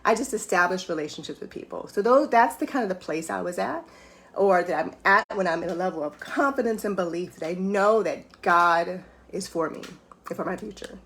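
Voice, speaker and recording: A middle-aged woman, a life coach, giving an earnest, emotional faith-based motivational talk and acting out her inner thoughts in higher voices. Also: a little fast, fairly bright tone. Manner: earnest and emotional, voice breaking at times.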